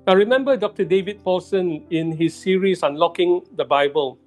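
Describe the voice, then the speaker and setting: A middle-aged male pastor giving a sermon in a church, speaking slowly and deliberately and repeating key phrases for emphasis. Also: sits high, a little mellow, faint music behind. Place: church sanctuary.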